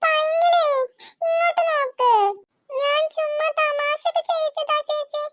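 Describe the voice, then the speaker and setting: A woman voicing a small cartoon child who coaxes and apologizes in a soft, drawn-out way. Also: very high voice, level tone, no room sound, voice pushed up. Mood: pleading. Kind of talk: cartoon voice acting.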